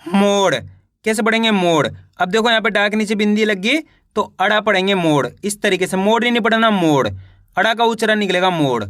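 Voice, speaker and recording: A man teaching children to read Hindi, sounding out syllables slowly and repeating each word as a question and answer. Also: high voice, a bit bright, no echo, clean studio sound. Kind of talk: step-by-step reading lesson.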